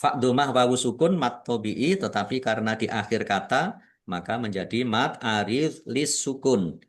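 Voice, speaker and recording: A man's voice: mid-range voice, animated, normal speed. A man from Indonesia teaching Quran recitation rules, patiently explaining each rule and drawing out the words he recites. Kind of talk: tajwid lesson with slow recitation.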